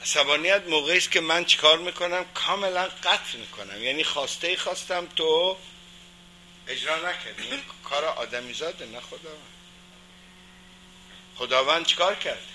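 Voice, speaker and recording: A man's voice: fairly high pitch, animated, bright, forceful tone, a little hiss or hum, rough recording. A man teaching a religious class, putting questions to his listeners and answering them emphatically.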